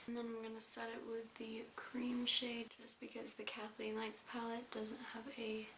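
Young woman chatting casually, creaky higher voice. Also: monotone, moderate pace, fairly bright tone. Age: young adult. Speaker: beauty vlogger. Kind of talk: casual chit-chat makeup tutorial. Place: indoor room, plain wall. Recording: roomy echo, faint hiss.

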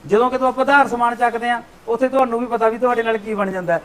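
Fast, high-voiced man host. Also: steady tone, fairly bright tone, a little hiss or hum. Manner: brisk, chatty, keeps prompting with short questions. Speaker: interviewer at a pesticide shop. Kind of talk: promotional customer interviews.

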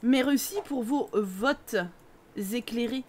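A woman's voice: on the high side, slow, a little mellow. A young woman streamer with a Parisian accent, chatting casually and teasingly with her chat while playing a game. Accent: Parisian French. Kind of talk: casual live-stream chat over gameplay.

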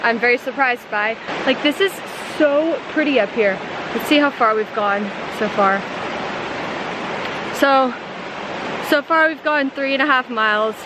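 This is a twenty-something woman vlogging on a handheld camera held at arm's length, chatty and upbeat, saying "like" constantly. Her voice sits on the high side, and there's background noise. The setting moves from a small wooden cabin indoors to a forest trail outside.

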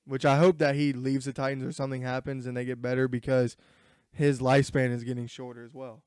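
A man's voice: mid-range voice, level tone, fast, darkish tone, clean tone, dry recording, clean studio sound. A man co-hosting a podcast, talking sports in an emphatic, opinionated way, his voice cracking at times. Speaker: podcast co-host. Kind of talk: casual sports chat.

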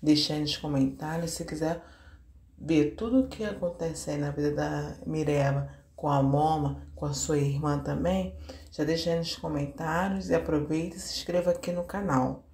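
A woman's voice: sits low, steady tone, normal speed, a little mellow. A Brazilian woman narrating from a script as a channel host. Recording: roomy echoing voice-over.

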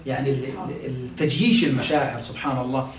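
A man teaching a classroom religious lesson, explaining patiently, quizzing listeners and pausing on fillers. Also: medium pitch, steady tone. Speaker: sheikh teaching Quran exegesis. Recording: echoey room, mic at a distance, faint ambience.

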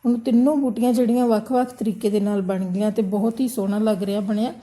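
Very dark-voiced woman teaching embroidery. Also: mid-range voice, fairly even intonation, quick pace, a little hiss or hum. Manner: gentle, repetitive instructional tone. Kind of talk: step-by-step craft tutorial narration.

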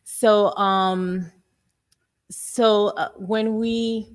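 A middle-aged woman from Haiti, an exhibition curator, speaking in a measured, reflective way on a panel in a gallery. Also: mid-range voice, steady tone. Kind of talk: panel discussion. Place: art gallery room, indoors.

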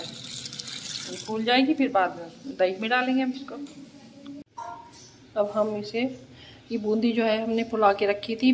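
A woman with a cold and a hoarse voice, casually explaining a home recipe step by step as a cooking vlogger. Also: mid-range voice, background noise. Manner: plain, homely instructional tone.

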